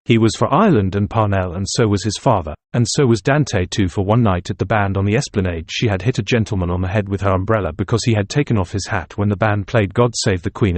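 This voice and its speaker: A man narrating a novel in a measured, even reading. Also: lowish voice, dry recording. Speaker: audiobook narrator. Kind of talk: scripted narration.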